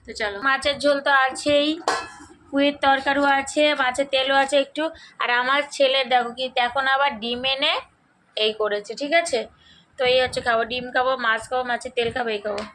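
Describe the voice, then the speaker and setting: A middle-aged woman, slightly hoarse, chatting casually to viewers through a daily-routine vlog and often checking in with them. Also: sits high, fairly even intonation, fast, fairly bright tone, a little hiss or hum. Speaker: vlogger.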